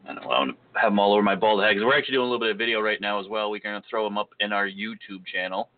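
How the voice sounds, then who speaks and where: Over tinny, phone-like audio, a man with a lowish voice hosts a podcast in casual chat. He talks rapid-fire, joking and poking fun at himself.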